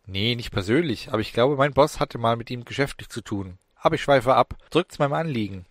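A man voicing a cocky, bloodthirsty young male demon who talks in a falsely gentle, taunting way in a storybook reading. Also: mid-range voice, animated, fast talker, no room sound, studio quality, lightly acted.

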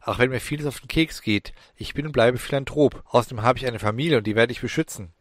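A man's voice: mid-range voice, fast, no echo, studio quality, lightly acted. A man voicing a frightened, decent family man who asks anxious, bewildered questions in a storybook reading.

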